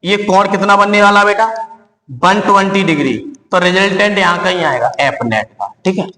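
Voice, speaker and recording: Male physics teacher, high voice, lecture at a board, asks and answers his own questions, echoey room with a long reverb tail. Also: moderate pace, pushed and bright.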